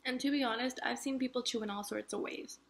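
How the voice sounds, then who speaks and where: A woman's voice: on the high side, fairly even intonation, fast talker, vocal fry. Chatty young woman vlogging while eating. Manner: chatty, self-encouraging, talks with mouth full. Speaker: mukbang vlogger. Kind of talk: casual chat to camera while eating. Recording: noticeable background noise.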